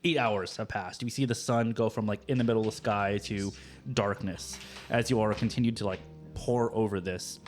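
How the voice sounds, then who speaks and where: A man's voice: fairly low pitch, steady tone, moderate pace, faint music behind. A man narrating as game master of a tabletop role-playing game, describing scenes loosely with plenty of fillers.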